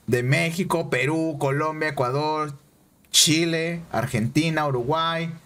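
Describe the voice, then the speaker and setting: A Mexican man streaming a game, chatting excitably with viewers and repeating himself. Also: on the high side, measured pace. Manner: excitable, repeats phrases, banters with chat. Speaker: gaming streamer. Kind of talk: casual live-stream chat over gameplay.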